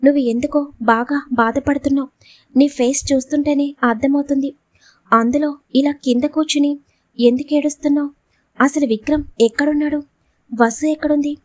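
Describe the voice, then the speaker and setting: A frightened young woman in an audio storybook, pleading and firing off worried questions, read by a woman. Her voice is high and bright, and the recording is dry, with nothing behind it. She sounds tense and urgent throughout. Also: steady tone, no echo, highs cut off, lightly acted. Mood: anxious, pleading. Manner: anxious, pleading, rapid questions. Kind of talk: storybook reading.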